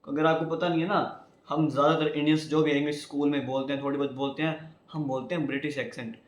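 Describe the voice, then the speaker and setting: A young man from India chats on about himself in a loose, rambling way, often turning to his viewers. His voice sits a little high for a man. The room around him rings with echo. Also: level tone, fast talker. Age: young adult. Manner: chatty, rambling, addresses viewers as guys. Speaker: YouTuber. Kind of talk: casual vlog talk.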